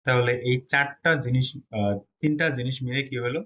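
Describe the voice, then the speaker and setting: A man's voice: medium pitch, steady tone, a little fast, sharp tone, muffled recording. A man from Bangladesh teaching a Chinese pronunciation class, explaining step by step and often checking that the students follow. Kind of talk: classroom lesson.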